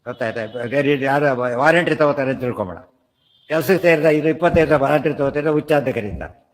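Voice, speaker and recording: A man giving a scripture lecture, explaining Sanskrit verses in a conversational way, often checking whether listeners understood. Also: mid-range voice. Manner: chants verses slowly. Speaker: scripture teacher. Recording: long hall reverb.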